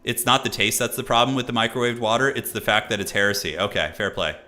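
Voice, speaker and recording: A man's voice: fairly low pitch, fast, bright, forceful tone. A man, chatting loosely with his live-stream audience and commentating a strategy game match, with lots of fillers and restarts. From United States. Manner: loose and chatty, many fillers and restarts, reads chat aloud. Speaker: streamer and caster.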